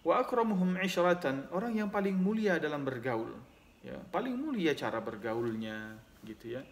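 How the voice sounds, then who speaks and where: A man's voice: medium pitch, sing-song, normal speed, slight background noise. A man giving a religious lesson, reciting Arabic hadith text and then explaining it at length, often adding "ya" between phrases. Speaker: Islamic teacher.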